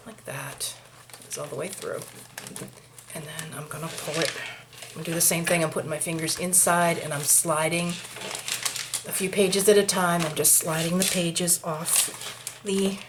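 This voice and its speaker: A woman's voice: lowish voice, fairly even intonation, measured pace. A middle-aged woman with a Maine accent, chatting through each step of a hands-on craft tutorial and muttering asides to herself. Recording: noisy home recording with clicks.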